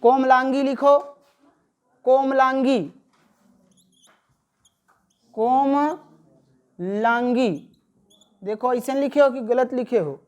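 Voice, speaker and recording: A woman teacher taking a classroom spelling lesson, saying each word slowly and over again and putting questions to her students. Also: high voice, fairly even intonation, a little mellow. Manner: drills words by slow repetition, asks the class questions.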